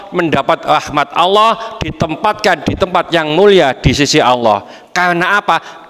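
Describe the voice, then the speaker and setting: A man giving a folksy storytelling sermon, acting out the dialogue of the story in higher voices. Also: fairly bright tone, clean tone. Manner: folksy, addresses listeners as Pak, acts out dialogue in higher voices. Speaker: preacher. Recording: long hall reverb.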